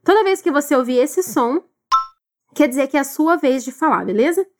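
A woman teaching English, encouraging listeners and drilling phrases slowly for them to repeat. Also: high-pitched, animated, darkish tone. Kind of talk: recorded language lesson.

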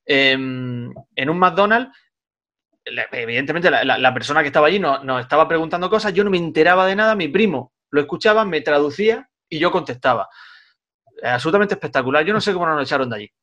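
Host: fast-talking man, jokey, a bit high-pitched. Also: expressive, sharp tone, highs cut off. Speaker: podcast host. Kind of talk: casual chat.

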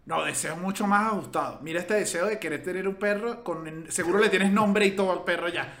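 A man's voice: high voice, a little fast, reverberant, crowd noise. A man co-hosting a podcast, teasing and scolding his friend in casual chat, often repeating his words. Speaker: podcast co-host.

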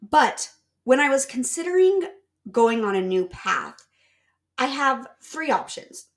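A woman's voice: high voice, sing-song, measured pace. A young woman hosting her own podcast, talking in a casual, chatty and upbeat way straight to her listeners. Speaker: podcast host. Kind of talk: casual solo podcast talk.

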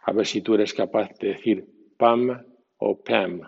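A man teaching English pronunciation in a recorded lesson, spelling out letters slowly and deliberately. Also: fairly low pitch, gravelly, breathy edge. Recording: dull lo-fi recording with long reverb.

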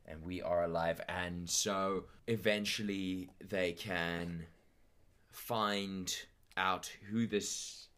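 A man's voice: low voice, fairly even intonation, drawn-out words, fairly bright tone, clean tone. A man co-hosting a podcast in casual chat, laid-back and slangy. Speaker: podcast co-host.

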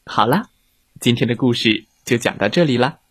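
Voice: mid-range voice, lively intonation, normal speed, fairly bright tone, slightly rough, no room sound, studio quality. A playful storyteller narrating a children's story and speaking directly to the kids.

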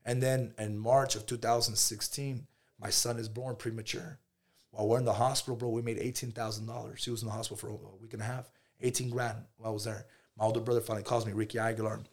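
A man in his thirties, a podcast guest, telling his story in a casual, animated way, full of slang and "bro". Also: lowish voice, quick pace.

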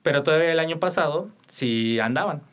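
Fairly high-pitched and clean-toned, this young Mexican-accented co-host of a radio podcast speaks a little fast with lively intonation. In a casual chat, he tells a meandering story loaded with fillers.

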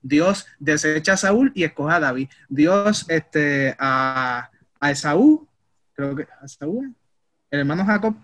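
A man in a casual podcast debate, animated and acting out quoted voices. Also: a little high, slow. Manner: animated, acts out quoted voices, calls others papi. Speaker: podcast co-host.

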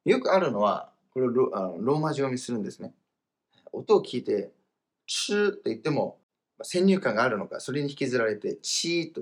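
Lively male language teacher explaining patiently. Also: mid-range voice. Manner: lively, explanatory, slows down for example phrases. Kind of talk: explanatory lesson, casual podcast. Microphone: voice message recording.

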